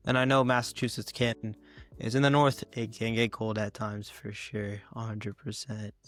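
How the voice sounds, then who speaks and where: Man from Memphis, podcast host, rambling slangy chat, a bit hoarse, soft music underneath. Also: lowish voice, flat delivery, normal speed. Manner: rambling, slangy, many restarts. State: hoarse, cough. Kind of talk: casual interview chat.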